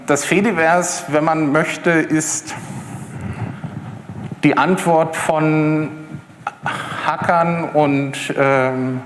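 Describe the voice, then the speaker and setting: A man's voice: on the high side, a little hiss or hum. A man from Berlin giving a live tech talk to an audience, with many fillers and restarts. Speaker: conference speaker. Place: lecture hall with audience. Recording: echoey hall with long reverb.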